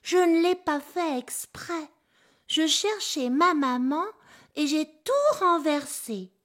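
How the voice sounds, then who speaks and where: A woman's voice: sits high, lively intonation, slow pace, fairly bright tone, heavily acted. A woman voicing a tiny, timid young ant with a small voice in a children's story. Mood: apologetic. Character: tiny shy ant child looking for mum.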